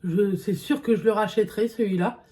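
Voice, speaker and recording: Briskly and in a mellow, medium-pitched voice, a young woman beauty vlogger chats her way through a makeup test. It's a casual vlog conversation, hesitant and crowded with fillers.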